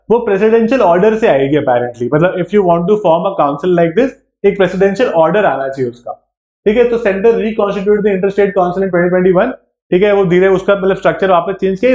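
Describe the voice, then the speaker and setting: A man's voice: sits high, darkish tone. A man with an Indian English accent, teaching a live online exam-prep class in a chatty way and checking in with his students often. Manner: chatty, checks in with frequent tag questions. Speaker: law entrance exam teacher. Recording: echoey room, dull lo-fi sound.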